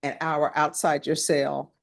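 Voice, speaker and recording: A woman judge with a fairly low voice presides in a courtroom. She rattles through formal legal questions and admonishments in a practiced, businesslike way. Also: level tone, gravelly. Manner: formal, brisk legal recitation. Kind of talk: courtroom proceedings.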